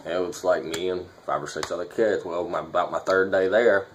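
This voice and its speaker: Low-voiced man talking around a packed lip. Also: fairly even intonation, a little fast, a little hiss or hum. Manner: blunt, profane. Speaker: dip tobacco reviewer. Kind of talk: casual vlog review and storytelling.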